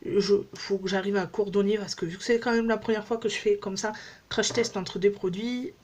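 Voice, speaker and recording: A woman's voice: medium pitch, steady tone, normal speed, a little mellow, a little hiss or hum. A woman beauty vlogger chatting casually at home through a makeup demo, rambling and joking at herself with many fillers.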